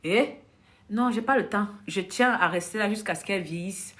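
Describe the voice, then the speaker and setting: Speaking in a mid-range voice at a moderate pace, an African woman life coach chats casually on a live stream. She tells stories with lots of laughter, voices the dialogue herself, and addresses viewers bluntly.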